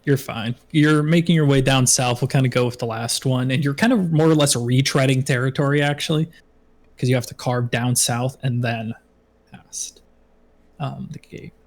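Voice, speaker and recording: A man running a tabletop game as game master, describing scenes in a halting way with frequent self-corrections. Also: mid-range voice. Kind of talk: narrating a tabletop game on a live stream.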